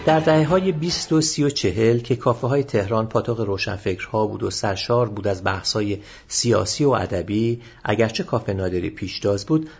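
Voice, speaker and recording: A man narrating a documentary in a measured, informative way, with a gravelly, husky voice. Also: lowish voice, a little mellow. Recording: dull lo-fi recording.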